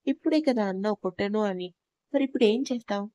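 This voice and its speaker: A woman's voice: mid-range voice, quick pace, dark tone, dry recording, muffled recording, natural voice. A woman voicing a frightened, tearful young wife in a storybook reading, pleading and anxious.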